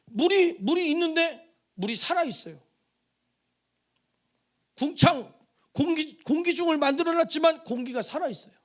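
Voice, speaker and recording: Animated high-voiced male preacher. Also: moderate pace, long pauses. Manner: animated preaching, acts out voices, calls to congregation. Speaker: pastor. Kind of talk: sermon. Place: church sanctuary.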